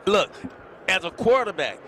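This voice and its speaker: A man, a former defensive back, giving animated, explanatory color commentary on a live football game from a stadium booth. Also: high voice, normal speed, a little hiss or hum. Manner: animated, explaining, laughs easily.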